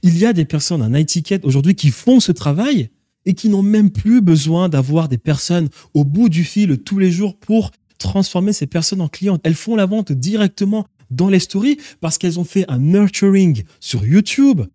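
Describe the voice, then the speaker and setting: A man's voice: sits high, lively intonation, moderate pace, dark tone, no echo, clean studio sound. A man coaching viewers on online sales, talking emphatically and asking rhetorical questions straight at them. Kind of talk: instructional talk to camera.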